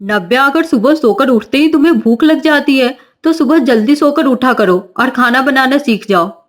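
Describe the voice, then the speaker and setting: A woman's voice: high voice, expressive, moderate pace. A dutiful young elder sister-in-law from a cartoon story, polite and pleading, voiced by a woman close to her own voice. She talks respectfully to her elders. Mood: reproachful.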